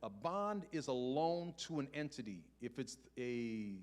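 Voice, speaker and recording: An older man giving a conversational finance talk to a church congregation. He asks rhetorical questions and slows down to repeat key points. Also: mid-range voice, animated. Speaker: guest speaker on personal finance. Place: church sanctuary before a congregation.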